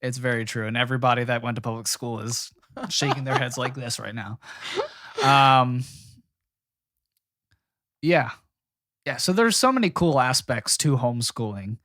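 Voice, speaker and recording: A man's voice: mid-range voice, moderate pace, pauses often, a bit bright, dry recording. Chatty man co-hosting, close and dry. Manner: conversational, lots of "you know" fillers. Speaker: podcast co-host. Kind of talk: casual chat.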